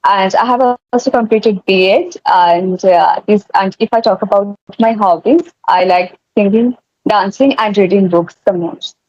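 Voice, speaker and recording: A young woman from West Bengal, India, talking earnestly and politely in English conversation practice, with filler pauses. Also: mid-range voice, a little mellow, dry recording. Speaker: guest, English learner. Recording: dry lo-fi call audio.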